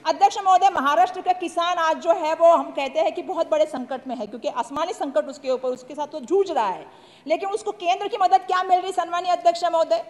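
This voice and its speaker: A woman's voice: very high voice, fairly quick. A woman from Maharashtra giving a parliamentary speech, speaking emphatically and repeatedly addressing the chair. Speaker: member of parliament. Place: large parliament chamber. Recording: echoey chamber reverb.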